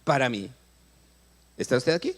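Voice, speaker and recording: A man's voice: medium pitch, normal speed. A middle-aged man with a Mexican accent preaching a sermon in a church, acting out prayers and questioning the congregation. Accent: Mexican Spanish. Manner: animated, acts out prayers and dialogues, asks the congregation questions. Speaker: pastor.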